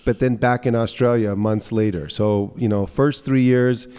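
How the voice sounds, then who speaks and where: A man's voice: mid-range voice, normal speed, clear, resonant tone. 50s guy raised in the US, chatty interview guest, kinda echoey reverb. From United States (grew up in New Orleans). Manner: relaxed storyteller, chatty. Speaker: guest, entrepreneur. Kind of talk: casual interview conversation. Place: co-working space.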